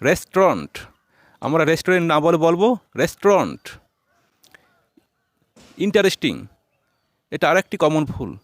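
A man's voice: on the high side, animated, fast, no echo. A man teaching English pronunciation, quizzing a helper and repeating each word twice. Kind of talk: classroom-style pronunciation lesson.

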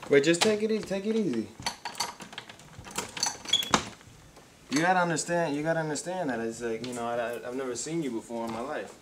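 A man's voice: mid-range voice, fast, echoey room, noisy background, lightly acted. An actor in his twenties playing a flustered young son who stammers and restarts his sentences. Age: 20s. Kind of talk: film drama acting.

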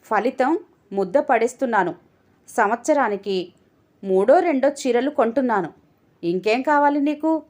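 A woman voicing a scornful, arrogant drunken husband in a storybook tale, talking with a sneer and shouting at his wife. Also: on the high side, lively intonation, normal speed, long pauses, natural voice.

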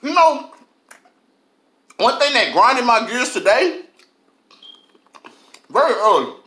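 A man with a high, bright voice talks casually to the camera as host of an eating show. He is animated and slangy, leaning on catchphrases. The sound has the echo of a home kitchen. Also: takes it slowly. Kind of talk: casual mukbang chat to camera. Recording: echoey kitchen room sound.

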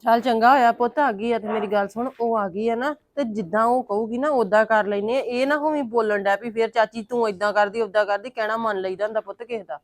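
An actress playing a firm, scolding middle-aged village mother with a Punjabi accent, urging her family to keep calm. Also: on the high side, fairly quick, hardly any pauses, lightly acted. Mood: pleading. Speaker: mother of the son.

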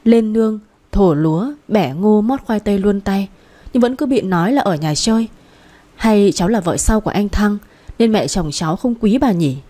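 A woman voicing a timid young pregnant wife who speaks softly and coaxingly. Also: medium pitch, lively intonation, moderate pace, lightly acted. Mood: pleading. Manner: soft, coaxing.

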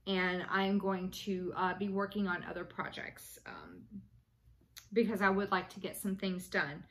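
A woman in her late thirties chats casually to camera in a small room at home about her cross-stitch project. Her lowish voice is unhurried and fairly bright, and she rambles with many ums and restarts.

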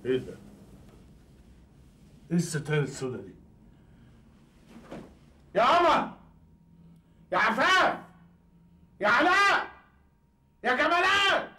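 An actor playing an exasperated middle-aged husband and father who gives gruff orders to his household in a TV comedy. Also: medium pitch, expressive, a little fast, long pauses, close to an everyday voice. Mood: bewildered.

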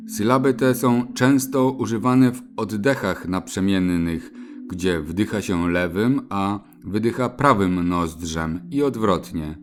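A man giving a solemn, measured scripted narration as a spiritual teacher. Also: lowish voice. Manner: slow, measured, solemn delivery.

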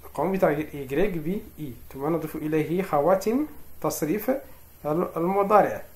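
Guy teaching french verbs, kinda high voice, slow careful step by step, roomy echo. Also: a little mellow. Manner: explains step by step, spelling out verb forms slowly. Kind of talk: explaining French grammar lesson.

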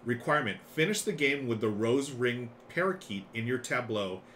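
Surrounded by shelves of board games in a small room, a middle-aged host explains games on a live stream with casual enthusiasm. He speaks at a moderate pace in a mid-range voice over a clear, constant background noise.

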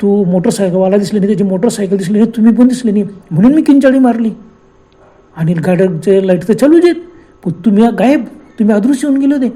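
Man voicing a scared young wife, urgent, pleading, very dark mellow tone, told horror story. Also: sits high, quick pace, natural voice. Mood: frightened. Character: frightened young wife stranded on a night road.

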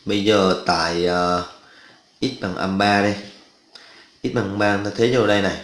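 A man's voice: deep voice, steady tone, moderate pace, a bit bright. Chatty man teaching math in an echoey room. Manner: chatty, asks students checking questions often. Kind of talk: casual spoken math lesson.

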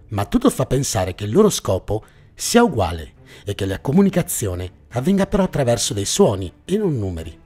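Over background music, the narrator and host of a mystery series delivers a scripted documentary with dramatic suspense. He speaks in a mid-range voice that is husky and darkish in tone.

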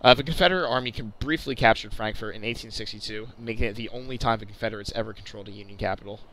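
A man's voice: on the low side, very fast, fairly bright tone. A man giving casual, chatty commentary over flight-sim gameplay, stumbling and correcting himself with jokey asides. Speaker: channel host.

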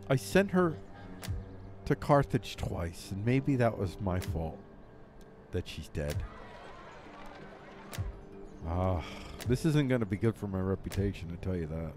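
Slow, lively-voiced man playing a strategy game. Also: sits low, over music. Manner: theatrical mock grief, bursts of loud exclamation. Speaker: let's play host. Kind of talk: casual gameplay commentary.

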